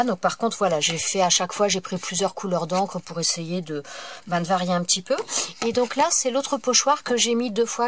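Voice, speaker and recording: A woman's voice: mid-range voice, a little hiss or hum. A woman presenting a casual craft supply haul at home, chatting freely, apologizing and stumbling over her words now and then. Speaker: craft vlogger. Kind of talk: casual product haul review.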